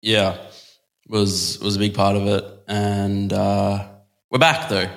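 A man co-hosting a casual podcast chat, rambling and relaxed, laughing easily. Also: lowish voice, slow, creaky. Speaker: podcast co-host.

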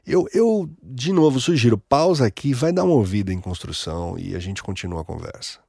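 Um homem com sotaque brasileiro que apresenta um episódio sobre música e analisa uma canção de um jeito descontraído, com palavrões e pequenos exemplos cantados. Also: male voice, medium pitch, big pitch swings, a little fast, creaky, dark tone, slightly rough, no echo, clean studio sound. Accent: Brazilian Portuguese. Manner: casual, profane, demonstrative, sings short examples. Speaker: music educator. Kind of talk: casual music analysis episode.

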